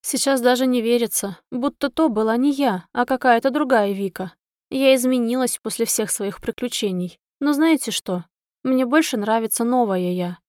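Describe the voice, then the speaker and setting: A woman narrating a first-person fairy-tale story in a lively, expressive way. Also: fairly high pitch, normal speed, no room sound, clean studio sound. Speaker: audiobook narrator.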